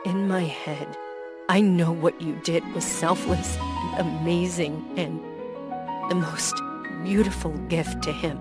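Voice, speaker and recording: A woman with a lowish voice plays a heartbroken young man pouring out jealous, desperate love, her delivery raw and pleading and rising into anguished outbursts. She speaks slowly with fairly even intonation, and loud music plays behind her.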